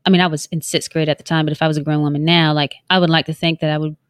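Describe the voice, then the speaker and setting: A woman's voice: sits low, flat delivery, rapid-fire, smooth, no echo, studio quality. Playful woman co-host in her thirties. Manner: playful, teasing, laughing often. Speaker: show co-host. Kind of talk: casual political talk show.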